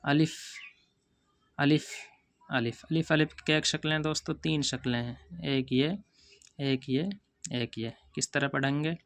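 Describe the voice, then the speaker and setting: A woman's voice: sits low, measured pace, long pauses. A woman teaching Quran reading who drags out each letter name and explains patiently, often calling her viewers friends. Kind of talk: slow letter-by-letter recitation lesson.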